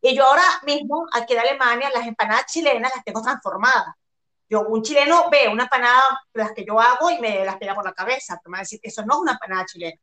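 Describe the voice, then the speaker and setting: A woman's voice: fairly high pitch, fast talker, sharp tone. A woman raised in Venezuela, speaking as a guest chef in a casual interview and eagerly sharing stories. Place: home in Germany. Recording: echoey room.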